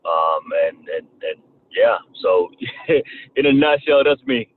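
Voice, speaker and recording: A man in his thirties from Rwanda with a slight Southern twang, talking haltingly as an interview guest and often repeating words. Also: medium pitch, lively intonation. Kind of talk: casual interview talk. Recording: tinny phone-like line, faint noise.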